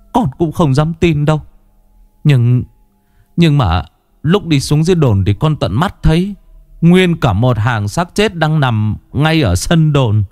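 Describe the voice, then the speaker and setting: A man's voice: fairly high pitch, a little mellow, no room sound, studio quality. A man narrating a ghost story dramatically.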